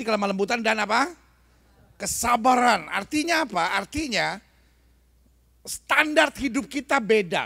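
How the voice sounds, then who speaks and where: A man preaching an animated sermon to a congregation, often asking them questions and mixing in English phrases. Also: high voice, creaky, no room sound. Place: church hall.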